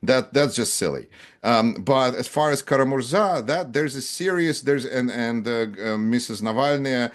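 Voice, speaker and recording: A man hosting a political conversation, his voice sitting mid-range. He talks in an animated, sarcastic way and slips into mocking impressions of the people he quotes. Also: mid-range voice, moderate pace. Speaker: host. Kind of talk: political talk show conversation.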